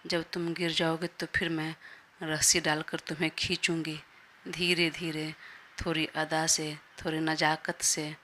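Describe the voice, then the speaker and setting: A woman's voice: low voice, level tone, a little slow, pushed and bright, slight background noise. A woman voicing a stubborn, playful young wife who teases, in a Hindi audio story.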